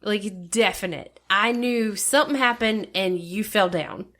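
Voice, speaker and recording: A woman co-hosting a casual podcast, talking in an animated, teasing way. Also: medium pitch, a little slow. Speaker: podcast co-host. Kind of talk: casual chat.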